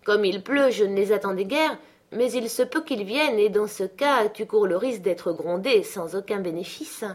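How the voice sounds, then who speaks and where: A woman reading aloud, voicing a headstrong, imperious young woman who is sharp and scornful. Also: mid-range voice, close to an everyday voice. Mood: coaxing. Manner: sharp, scornful, quick to anger.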